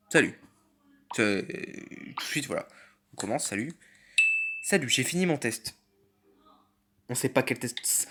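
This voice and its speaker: A man's voice: medium pitch, fairly bright tone, slight background noise. A man doing casual, sarcastic commentary on a chat story game, reading its messages aloud and mocking the spelling mistakes. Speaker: gaming YouTuber.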